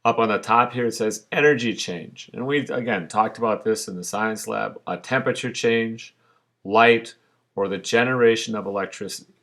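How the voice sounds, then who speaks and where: A man's voice: on the low side, normal speed, a bit bright. A male science teacher giving a recorded online lesson over slides, explaining patiently with frequent fillers.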